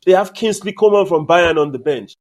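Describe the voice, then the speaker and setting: A man co-hosting a podcast, chatting casually about sports in an emphatic, lively, opinionated way. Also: high voice, a little fast. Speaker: podcast co-host.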